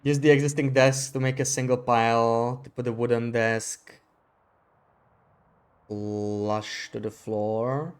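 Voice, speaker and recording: Flat and unhurried, a man's mid-range voice comes through clear and resonant as he plays a game live. He reads comments from viewers, chats casually, and thinks aloud, frequently starting over mid-thought.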